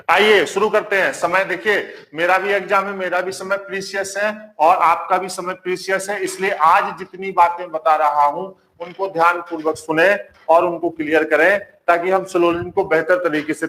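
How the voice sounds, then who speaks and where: A man with a fairly high voice teaches a live online class. He says each point more than once and keeps asking the viewers to answer back. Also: steady tone, normal speed. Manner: repeats points and quizzes the class; warm greetings to viewers. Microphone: marker on whiteboard.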